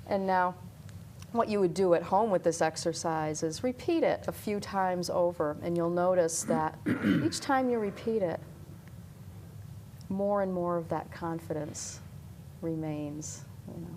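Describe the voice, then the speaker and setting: Soft slow-guiding woman hypnotist. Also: on the low side, noisy background. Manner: slow soothing even monotone guiding voice. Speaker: hypnotherapist guest. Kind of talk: guided visualization then casual chat. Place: TV studio.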